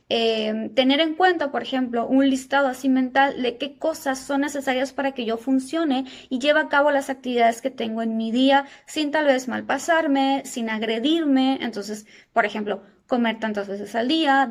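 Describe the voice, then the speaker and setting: High-voiced woman psychologist in her thirties. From Argentina. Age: 30s. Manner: calm, explanatory, addresses viewers directly with rhetorical questions. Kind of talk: educational talk.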